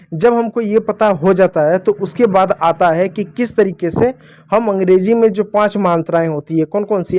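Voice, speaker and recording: A young man teaches small children how to read, his voice pitched high yet soft and mellow. He goes patiently, posing each rule as a question and then answering it himself. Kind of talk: phonics lesson for young children.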